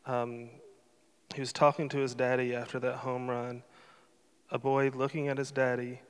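A middle-aged man speaking at a church gathering in an earnest, emotional, personal way. His voice stays fairly even in pitch. The sound carries a long reverb from the sanctuary. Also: moderate pace, smooth. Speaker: church speaker closing a testimony service. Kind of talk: heartfelt church talk.

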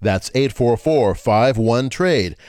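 A male announcer gives an infomercial call to action at a slow, measured pace. His mid-pitched voice sits in a very dry recording. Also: animated, darkish tone, clear, resonant tone, no echo. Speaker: commercial announcer.

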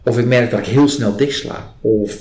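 A man's voice: medium pitch, normal speed, darkish tone. A man being interviewed as a trainer, explaining his method in conversational talk with acted-out example questions. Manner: acts out example questions and client remarks while explaining. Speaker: trainer in a body-based stress release method, interviewed. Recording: roomy echo, clear background noise.

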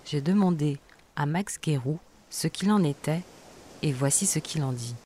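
Low-pitched woman narrating a podcast. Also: animated, measured pace, dark tone, slight background noise. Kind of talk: scripted narration linking interview clips.

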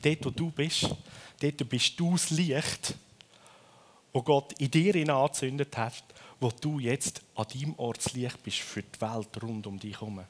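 A man from Switzerland with a Swiss accent, preaching a sermon in a lively storytelling way and often ending his phrases with a questioning tag. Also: medium pitch, a little slow.

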